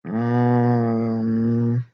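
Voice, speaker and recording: A man reading and explaining Bible verses in an informal, halting way with many fillers and restarts. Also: mid-range voice, completely flat delivery, dry recording. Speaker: Bible study teacher. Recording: dull lo-fi home recording.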